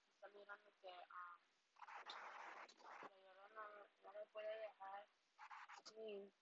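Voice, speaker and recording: A woman casually retelling a story, hesitant, with fillers and restarts and English words slipped in. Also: medium pitch. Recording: dull lo-fi recording with steady background noise.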